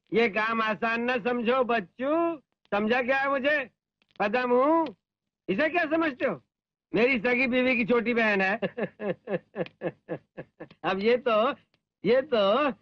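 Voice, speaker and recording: A man's voice: very high-pitched, dry recording. An actor dubbing a lecherous, boastful and cowardly man who swings between pompous sneering and whining pleas. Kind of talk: Hindi film dubbing. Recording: dull film soundtrack with music.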